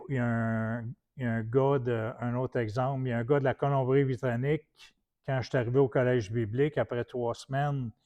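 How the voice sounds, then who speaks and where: A man's voice: medium pitch, darkish tone. A man from Quebec with a Québécois French accent, preaching in a colloquial, anecdotal style full of restarts. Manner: colloquial storytelling with many restarts. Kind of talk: anecdotal teaching talk.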